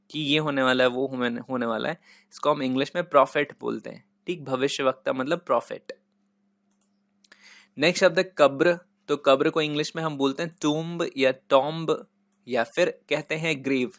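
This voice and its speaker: A man's voice: a little high, fairly bright tone, no room sound, studio quality. A man who teaches vocabulary in Hindi, patiently repeating each word and spelling it out letter by letter. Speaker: English teacher. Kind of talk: Hindi-English vocabulary lesson.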